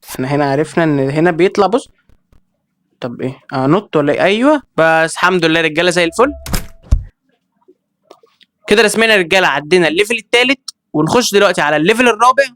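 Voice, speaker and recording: A man with an Egyptian accent giving excitable let's-play commentary, reacting with quick exclamations and talking straight to his viewers. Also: on the high side, no echo. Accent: Egyptian Arabic. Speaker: gaming video creator.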